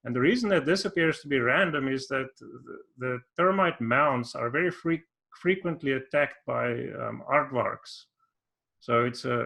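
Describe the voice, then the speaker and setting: South african guy presenting online, kinda gravelly, lots of ums and restarts. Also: mid-range voice, sharp tone. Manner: unhurried, hesitant with many ums and restarts. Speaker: workshop presenter. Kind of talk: conference presentation.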